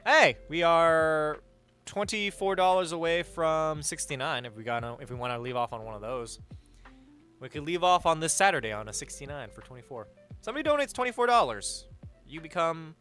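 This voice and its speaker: Animated, bright-voiced male streamer. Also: on the high side. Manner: crude, joking and animated, reads out chat. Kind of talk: casual live-stream chat while gaming. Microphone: headset mic.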